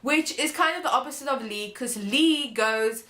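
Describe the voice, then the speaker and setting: A woman's voice: high-pitched, moderate pace, fairly bright tone. A woman with a blocked, nasal voice from a cold gives a casual book review in hesitant, loosely phrased talk. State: congested, blocked nose from a cold. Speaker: book review channel host.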